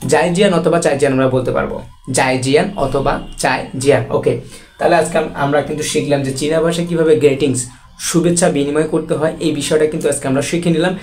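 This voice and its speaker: A man with a Bangladeshi Bengali accent teaching an online language lesson, explaining slowly and repeating each phrase with drawn-out model pronunciations. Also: on the high side, fairly even intonation, darkish tone, soft background music.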